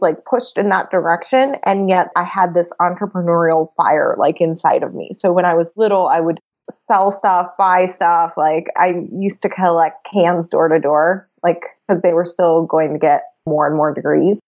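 A woman in her thirties from Venezuela chats as a guest on a business podcast, rambling happily with lots of "like" and frequent laughter. Her voice is on the low side for a woman. The sound is dull and lo-fi, as if from a remote line. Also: a little slow, darkish tone. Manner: chatty, laughs often, many "like"s. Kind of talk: casual interview chat.

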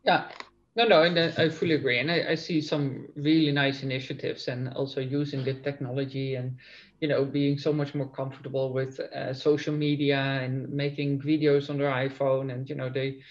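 A man's voice: mid-range voice, level tone, moderate pace. Man speaking over a lo-fi video call. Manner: earnest, many repeated starts. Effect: video call audio. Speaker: guest. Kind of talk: remote interview.

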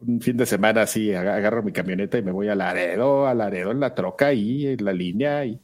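A man's voice: on the low side, quick pace. A man with a Mexican accent hosting a casual chat, speaking colloquially and a little hesitantly as he meanders through his thoughts. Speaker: host.

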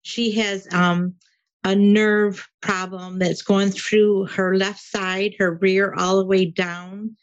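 A woman calling in to a show, her voice coming through a dull, lo-fi call line. She talks slowly and haltingly, filling gaps with soft hesitations. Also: medium pitch, level tone. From Michigan. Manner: hesitant, many "um" fillers. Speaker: radio show caller.

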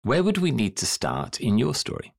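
A man hosting a podcast interview, speaking in a measured, polished way. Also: mid-range voice, gravelly, breathy edge. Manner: measured, polished delivery with lively intonation. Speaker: podcast host and coach.

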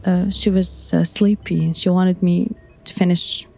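A young woman whose first language is Arabic, recounting her own experience in halting speech, repeating words with soft nervous laughs. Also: fairly low pitch, flat delivery, gravelly, husky, faint music behind. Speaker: interviewee. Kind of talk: recounting personal testimony.

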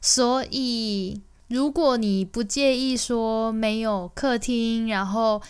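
Animated young woman telling a story. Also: a little high, takes it slowly, clear, resonant tone. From Taiwan. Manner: animated, emotional retelling. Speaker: podcast host. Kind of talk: personal storytelling podcast.

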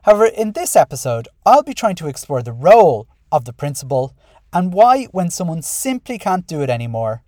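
A man's voice: a little high, very animated, fairly quick, dark tone, no echo, clean studio sound. A middle-aged man with an Irish accent presenting a podcast monologue in an earnest, wry way. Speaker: podcast host and school principal. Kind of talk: podcast monologue, part scripted, part conversational.

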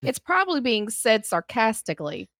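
A woman's voice: on the high side, sing-song, moderate pace, fairly bright tone, no room sound, studio quality. A tired woman from Alabama, co-hosting a casual podcast in a folksy way. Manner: folksy, uses y'all. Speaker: podcast co-host presenting a segment.

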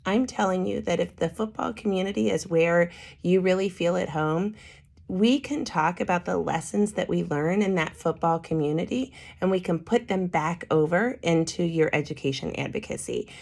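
A woman hosts a casual solo podcast with a hoarse voice that is giving out. Her pitch sits a little low and gravelly creak runs through it. She still talks with emphasis and enthusiasm. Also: moderate pace, darkish tone. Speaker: podcast host.

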